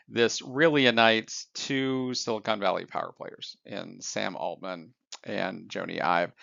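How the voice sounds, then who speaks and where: A man's voice: lowish voice, creaky, a bit bright, dry recording, dull audio. A man presenting technology news in an explanatory narrating style.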